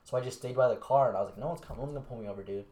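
A young man on a podcast casually telling a long story, swearing freely and acting out the other people's lines in a lower mumble. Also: very fast. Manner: relaxed, swearing, acts out quotes in a low mumble. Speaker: podcast host. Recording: echoey room.

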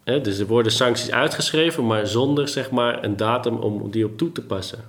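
Middle-aged guy, worked up and pleading, voice climbs when he retells stuff, plain everyday pitch. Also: a little fast. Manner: agitated, pleading, rising pitch when recounting. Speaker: father seeking access to his son. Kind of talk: documentary interview and phone call.

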